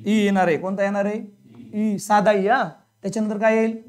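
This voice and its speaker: A male teacher with a high, level, somewhat mellow voice speaks fairly quickly as he runs a call-and-response grammar drill in front of his class. He keeps repeating each question to the room until the students answer. His delivery is colloquial and blunt, now and then taking on the scolding edge of a strict coaching-class instructor.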